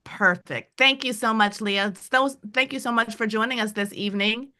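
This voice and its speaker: A woman's voice: fairly high pitch, normal speed, sharp tone. A woman hosting a virtual dog adoption event, asking fosters questions in a friendly, upbeat way over a video call. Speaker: event host.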